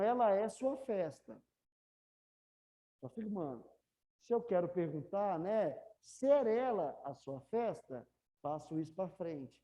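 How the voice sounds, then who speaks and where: A woman's voice: fairly low pitch, warm tone. A woman English teacher with a Brazilian Portuguese accent, explaining grammar to a class and checking in with students often. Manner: patient, repeats questions to students.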